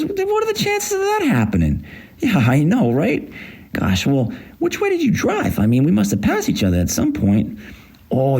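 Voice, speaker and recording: A man's voice: high voice, vocal fry, a little mellow, husky, full character voice. A man playing an incredulous, easygoing guy in an acted casual phone conversation, colloquial and exasperated.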